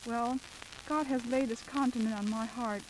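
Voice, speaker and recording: A young woman from Russia, a Bible school student, speaking earnestly in formal, measured sentences during a radio interview. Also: on the high side, fairly even intonation. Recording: noisy old radio recording.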